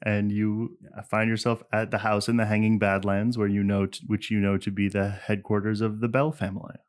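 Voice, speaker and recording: A man with a fairly low voice narrates as game master, describing scenes in a relaxed, unhurried way. He calls for dice rolls between stretches of description.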